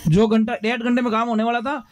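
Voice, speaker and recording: Male preacher, Rajasthani accent, high voice, folksy storyteller with dialect asides. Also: flat delivery, quick pace, lo-fi sound, background noise. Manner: folksy and humorous, switching into local dialect for characters. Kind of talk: storytelling sermon.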